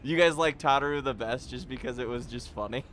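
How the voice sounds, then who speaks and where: A man's voice: mid-range voice, brisk, a bit bright, a little hiss or hum. A man hosting a casual gaming livestream, laughing often and talking to his chat. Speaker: streamer host.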